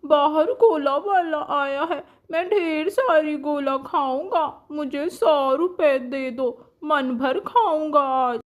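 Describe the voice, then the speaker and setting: A woman's voice: high voice, slow pace, few pauses. A woman voicing a greedy, spoiled young boy crow in a cartoon, whiny and demanding. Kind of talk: cartoon voice acting.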